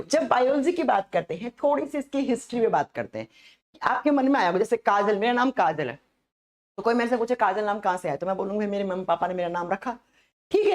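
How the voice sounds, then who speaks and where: A woman teacher with a sore, hoarse throat, giving a live online science lesson and repeating her questions to the students. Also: on the high side, a little mellow.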